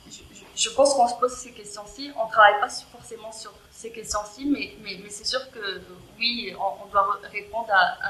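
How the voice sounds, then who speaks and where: A woman who isn't a native French speaker chats casually as an interview guest, using lots of fillers and restarts; she works in EDI in tech. Her voice is mid-range and fairly bright, and the recording is roomy with faint background noise.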